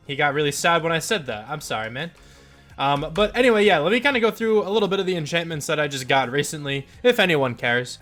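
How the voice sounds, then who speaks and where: A young man with a fairly high voice talks through his gameplay in a loose, rambling way, full of likes and ums. He sounds stuffed up and congested. Faint music plays underneath. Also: a bit bright. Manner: chatty, rambling, lots of fillers. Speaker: gaming channel host. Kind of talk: casual let's play commentary.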